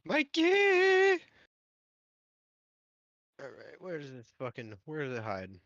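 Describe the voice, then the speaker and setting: A man's voice: mid-range voice, lively intonation, brisk, no echo, dull audio. A man playing with friends on a stream, chatting casually and making dry, joking asides. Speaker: gaming teammate. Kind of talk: casual gaming chat.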